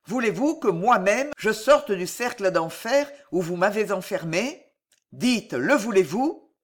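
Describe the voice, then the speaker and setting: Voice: mid-range voice, sing-song, measured pace, pitched above the performer's own voice. A reader voicing a passionate, pleading male monk in a dramatic audiobook, impassioned and insistent.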